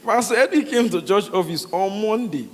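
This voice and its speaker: A Nigerian man performing comedic stories to a live audience, animated, slipping into Pidgin and acting out dialogue. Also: sits high, normal speed. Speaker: stand-up comedian. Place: large hall with a stage. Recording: echoey hall, noisy live sound.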